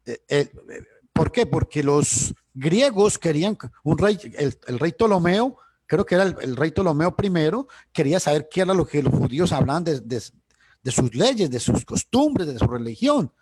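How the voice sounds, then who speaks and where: A man's voice: a little high, very animated, normal speed, a little mellow, slightly rough, dry recording. A man teaching church doctrine on a video call, emphatic and full of rhetorical questions, often restarting words.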